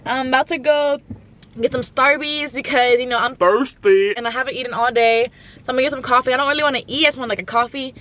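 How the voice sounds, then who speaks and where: A teenage girl talking casually to her viewers in a vlog, chatty and excited, filming herself on a handheld phone. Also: sits high, quick pace. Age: late teens. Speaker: vlogger. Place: on the go, at home, in a car and at a friend's house. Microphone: handheld phone camera.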